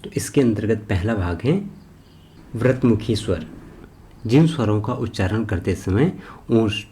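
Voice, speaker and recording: Slow, low-voiced man teaching a lesson. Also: animated, mellow. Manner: slow and methodical, spelling out each sound one by one; asks a question and then answers it himself. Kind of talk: exam-prep grammar lesson.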